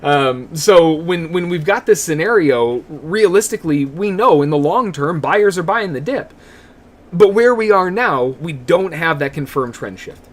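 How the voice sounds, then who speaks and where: Guy streaming live futures analysis, kinda high voice, laid back and chatty, laughs a lot, says hi to chat. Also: animated, unhurried. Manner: chatty, laughs often, talks to chat viewers by name. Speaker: day trading analyst. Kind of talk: live market commentary.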